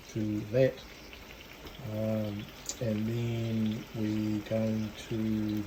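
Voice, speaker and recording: Male home cook, New Zealand accent, informal and unscripted, mid-pitched, clear kitchen noise behind him. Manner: informal, hesitant, thinking aloud while working. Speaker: home cook presenting a cooking video. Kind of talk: casual cooking demonstration.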